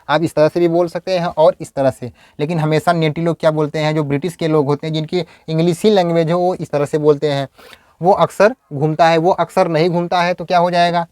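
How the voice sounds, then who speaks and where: A man teaching English in a video lecture, explaining step by step and saying example sentences slowly. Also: fairly high pitch, steady tone, a little mellow, clear, resonant tone, no echo, studio quality.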